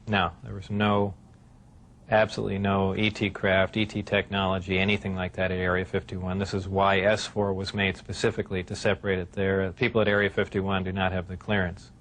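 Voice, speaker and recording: A man answering interview questions in a hesitant way with many filler pauses, heard from a worn VHS tape copy. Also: sits low, flat delivery, a bit bright. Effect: worn VHS tape copy with faint hiss.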